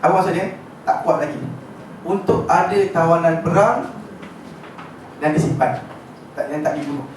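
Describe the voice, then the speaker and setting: A man with a fairly high voice and a Malaysian accent gives an informal religious lecture, telling the story with lively energy and often stopping to check that his class is following. He is heard from across an echoey room, with steady background noise underneath. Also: normal speed, pauses often, far from the mic.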